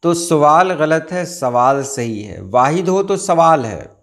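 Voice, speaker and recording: Slow, deliberate male Urdu teacher. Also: on the high side, sing-song. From India. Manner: slow, deliberate, repeats each word for correction. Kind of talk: pronunciation lesson.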